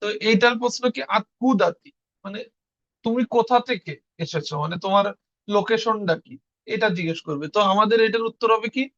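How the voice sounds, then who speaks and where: A man's voice: high voice, fairly quick, fairly bright tone, no echo, muffled recording. A young man from Bangladesh teaching an online language class, explaining patiently and spelling words out letter by letter.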